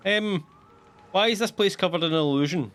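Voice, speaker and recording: A man's voice: high voice, moderate pace, noisy background. A man joking his way through a live gameplay stream with sarcastic, rambling commentary. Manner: jokey, sarcastic, talks to himself. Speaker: streamer playing a game.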